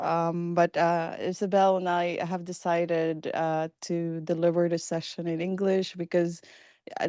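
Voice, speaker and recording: Woman running a chill webinar on a video call, slightly low voice, dry sound, lots of ums. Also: darkish tone, no room sound. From Philippines. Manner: upbeat, chatty, with frequent fillers and small laughs. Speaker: webinar presenter. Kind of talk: casual live webinar talk.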